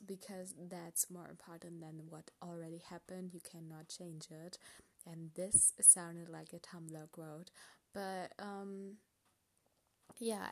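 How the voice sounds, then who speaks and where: Slow, gravelly young German woman. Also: on the low side, darkish tone. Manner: hesitant, rambling, laughs often, many fillers. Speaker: podcast host. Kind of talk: casual solo podcast talk.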